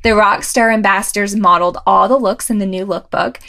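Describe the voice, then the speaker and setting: A woman's voice: mid-range voice, fairly even intonation, brisk, vocal fry, pushed and bright. A woman hosting and narrating a scripted recap in an upbeat, enthusiastic way, recorded as a studio voice-over. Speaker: host.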